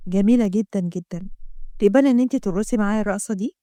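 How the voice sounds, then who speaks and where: A woman voicing a suave, flattering wealthy businessman, speaking with an Egyptian accent. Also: medium pitch, rapid-fire, no room sound, lightly acted. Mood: charming.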